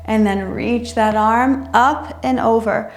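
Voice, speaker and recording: A woman instructing a chair yoga class in a careful, unhurried way, gently guiding each movement. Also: on the high side, steady tone. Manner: careful, unhurried, measured delivery. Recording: roomy echo, music underneath. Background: music.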